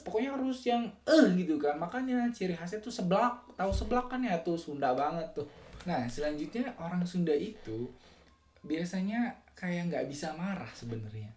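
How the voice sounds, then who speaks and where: Lively young man in an echoey room. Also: a little high. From West Java, Indonesia. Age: young adult. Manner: animated, laughs often, sing-song imitations of phrases. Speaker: student podcaster. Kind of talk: casual solo podcast talk.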